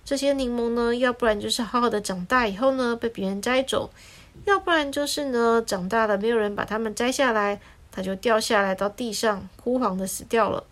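A woman narrating a children's story in a gentle, explaining way, drawing out filler words. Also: on the high side, brisk.

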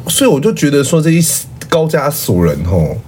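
A man co-hosting a podcast, animated and quick to laugh. He acts out family quotes as he tells them, and his pitch jumps around a lot. A faint room ambience sits behind him. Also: slight background noise. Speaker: podcast co-host. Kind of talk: casual chat.

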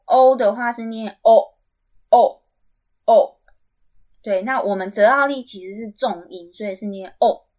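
A woman hosting a casual language lesson podcast, patiently repeating each sound slowly and clearly. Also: mid-range voice. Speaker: podcast host.

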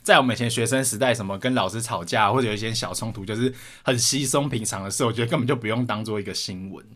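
A young Taiwanese podcast co-host swears constantly while animatedly recounting school stories in a casual chat. His voice is on the low side and he talks quickly.

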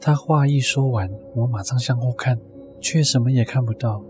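A man tells a scripted ghost story in the first person. His voice is medium in pitch, and music plays behind him as he narrates. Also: moderate pace.

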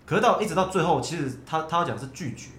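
Fast, animated Taiwanese-accented man. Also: fairly high pitch. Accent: Taiwanese Mandarin. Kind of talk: casual chat, telling anecdotes. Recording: roomy echo, faint background noise.

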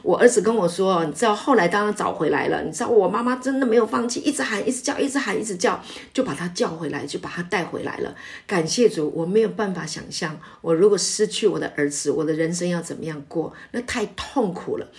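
Woman pastor, middle-aged, lowish voice, emphatic sermon delivery with many fillers. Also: animated, fast. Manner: warm, emphatic preaching with frequent filler sounds.

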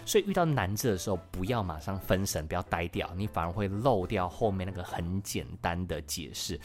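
A man's voice: deep voice, animated, a little fast, darkish tone, soft background music. A man, hosting a podcast lesson and patiently explaining English words, spelling them out letter by letter. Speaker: English teacher and podcast host.

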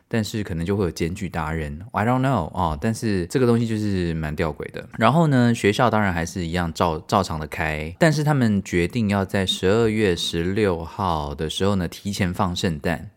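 A low-pitched man with a Taiwanese Mandarin accent hosts a podcast. He talks casually and expressively, in a chatty, giggly manner. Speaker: podcast host. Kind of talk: casual solo chat.

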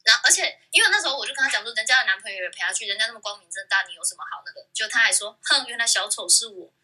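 A woman's voice: a little high, racing, sharp tone. A woman co-hosting a casual podcast chat, telling a story with animation and acting out quoted lines, in muffled audio re-recorded from a speaker. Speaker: podcast co-host.

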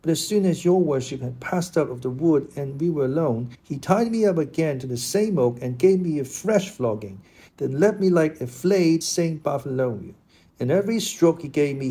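A man's voice: medium pitch, dark tone, breathy edge. A man voicing an aggrieved young servant lad who pleads and complains, in an audiobook. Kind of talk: audiobook character reading.

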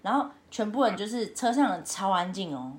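A woman, hosting a podcast and telling a story in a casual, animated way, often laughing. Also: fairly quick. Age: 30s. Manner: animated, laughing, acts out her own past lines in a high voice. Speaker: podcast host. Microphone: home remote recording.

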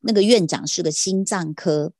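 A middle-aged woman, hosting a podcast and telling stories in a lively way, acting out other people's lines. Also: lowish voice, normal speed, no echo, clean studio sound. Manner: animated, mimics others in quotes. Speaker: podcast host. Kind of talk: casual chat, storytelling.

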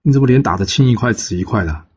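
A man's voice: medium pitch, expressive, racing, a little mellow, husky, voice pushed up. A man voicing an older male military strategist who scolds and fusses over his officers. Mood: surprised. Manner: scolding, concerned. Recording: dull lo-fi recording.

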